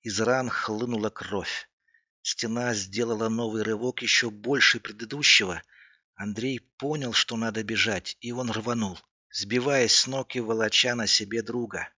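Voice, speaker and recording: A man reading a scripted horror story in a steady voice that builds suspense. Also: lowish voice, normal speed, dull audio. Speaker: narrator.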